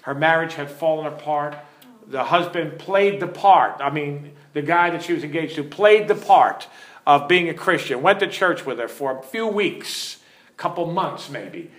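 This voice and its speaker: A man's voice: a little high, lively intonation, a little slow, fairly bright tone. A middle-aged man preaching as a pastor, teaching with stories and putting questions to his listeners in an earnest way. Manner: earnest, storytelling, asks the audience questions. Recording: echoey room.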